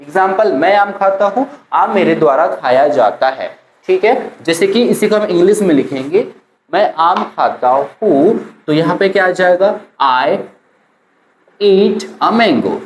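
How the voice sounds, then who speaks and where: An Indian woman teaching English grammar to students, drilling sentence patterns slowly and often checking they follow along. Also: on the low side, expressive, echoey room, slight background noise, poor audio. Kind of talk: classroom grammar lesson.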